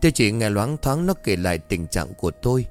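A man reading a first-person horror story aloud in a slow, suspenseful narrating manner. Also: fairly low pitch, very animated, soft background music.

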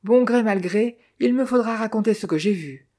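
A reader voicing a weary middle-aged male drifter who calmly tells what he saw, in an audiobook. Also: mid-range voice, close to an everyday voice. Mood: wary. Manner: calm, measured storytelling in the first person. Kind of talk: audiobook reading of a character.

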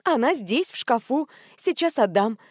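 A woman voicing a friendly, amused pastry chef who explains things calmly and matter-of-factly. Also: high-pitched, normal speed, dry recording, clean studio sound, voice pushed up. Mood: calm explaining.

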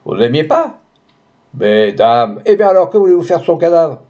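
A man's voice: fairly high pitch, very animated, normal speed, warm tone, pitched above the performer's own voice. A man doing a stern, grieving old doctor. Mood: indignant. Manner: firm, indignant. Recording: dull lo-fi audiobook recording.

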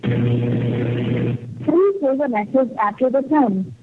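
An automated voicemail prompt heard over a phone line, spoken slowly and flatly. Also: mid-range voice, husky. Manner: slow, flat machine announcement. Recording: tinny phone line with faint music.

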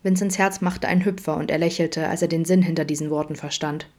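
A woman narrating a fan fiction audiobook in a calm, even storytelling manner. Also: low-pitched, fast. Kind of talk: podfic audiobook reading.

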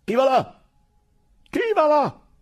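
A man voicing a young fortress sentry who shouts a slow, drawn-out challenge. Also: very high-pitched, expressive, no room sound, voice pushed up, exaggerated voice. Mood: challenging. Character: stern young male sentry calling a challenge.

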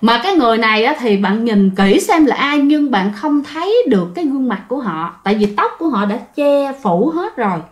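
Southern vietnamese lady, kinda high voice, chatty ghost story telling, keeps talking to the listeners. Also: lively intonation, brisk, few pauses. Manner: chatty, often addresses listeners directly.

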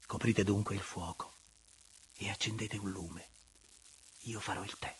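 Man reading a hushed, guarded young noblewoman for an audiobook; lowish voice. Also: fairly even intonation, unhurried, slight background noise, close to an everyday voice. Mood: restrained.

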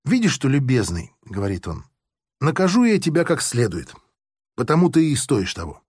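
A man's voice: medium pitch, huge pitch swings, normal speed, breathy edge, no echo, studio quality. Man doing a smug, sanctimonious army officer. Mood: smug, oily. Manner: unctuous, moralizing, then gleefully shouting.

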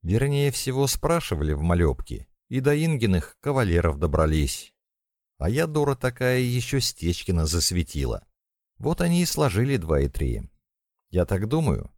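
A man's voice: low voice, a little mellow, dry recording, clean studio sound. A man reading an audiobook voices a decisive young woman who commands a squad of girls. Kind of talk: audiobook character voice.

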